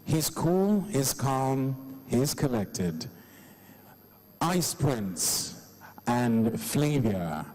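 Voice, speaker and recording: A man's voice: medium pitch, sing-song, drawn-out words, a little mellow. A man making a stage announcement as master of ceremonies.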